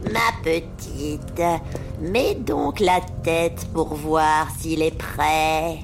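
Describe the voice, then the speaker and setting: A woman voicing a cruel, cunning old witch in a storybook, with a creaky, gravelly voice and sly, menacing talk. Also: on the high side, very animated, slow, over music, heavily acted. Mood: honeyed. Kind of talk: storybook narration with acted voices.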